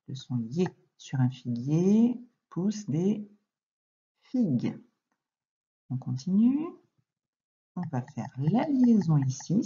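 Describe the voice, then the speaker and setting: A woman teaching young children to read, speaking slowly and clearly and addressing the child directly as she dictates. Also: low voice, warm tone, highs cut off. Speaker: primary school teacher. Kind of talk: recorded reading lesson and dictation for young children.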